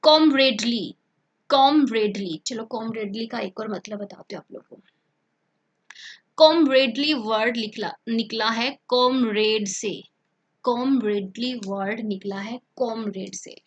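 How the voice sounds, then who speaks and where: A woman's voice: fairly high pitch, takes it slowly, lo-fi sound. Hindi-speaking woman teaching vocabulary. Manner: explains words in Hindi with English terms, repeats words and checks in with "ठीक है". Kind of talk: online exam-prep lesson.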